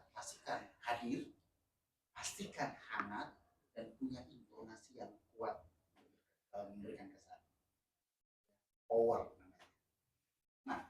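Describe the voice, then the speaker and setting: A man teaching a communication workshop, lively and joking, switching between casual slang and formal teaching. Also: mid-range voice. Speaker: communication trainer. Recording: echoey room, mic far off, faint noise.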